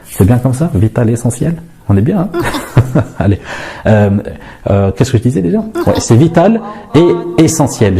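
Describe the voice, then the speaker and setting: A man in his forties from France, an Arabic teacher and institute director, introduces himself in a chatty, self-mocking yet earnest way. His voice is mid-range and warm.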